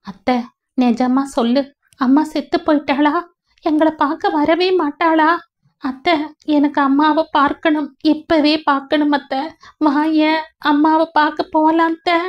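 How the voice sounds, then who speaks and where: A woman's voice: high voice, fairly even intonation, a little slow, muffled recording, voice pushed up. Woman doing a whiny tearful little girl. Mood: pleading. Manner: whiny, insistent questioning. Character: small girl, tearful, pleading for her mother.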